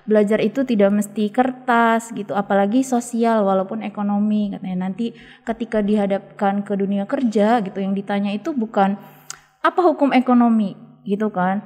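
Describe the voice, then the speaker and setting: A woman's voice: fairly high pitch, warm tone. A woman teacher as a podcast guest, jokey and cheerful, telling stories in a chatty way. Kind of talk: casual podcast chat. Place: school podcast room. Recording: long room reverb.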